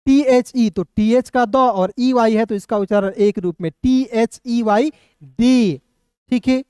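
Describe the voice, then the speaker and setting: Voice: mid-range voice, takes it slowly, darkish tone, clean tone, no echo, studio quality. A teacher giving an online English reading lesson, spelling words letter by letter and patiently quizzing the viewers. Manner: patient, repetitive, addresses viewers as friends. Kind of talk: Hindi-language English phonics lesson.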